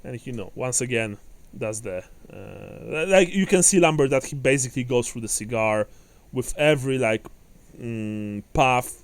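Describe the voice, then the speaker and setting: A man's voice: medium pitch, expressive, normal speed, creaky, no room sound. Man running a tabletop game. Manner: rambling, many fillers and restarts, chuckling. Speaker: game master.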